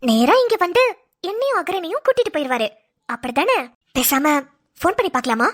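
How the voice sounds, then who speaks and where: A woman's voice: very high voice, sing-song, brisk, fairly bright tone, full character voice. A snappy, quarrelsome young mother, voiced by a woman. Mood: argumentative. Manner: snappy, argumentative. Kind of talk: cartoon voice acting.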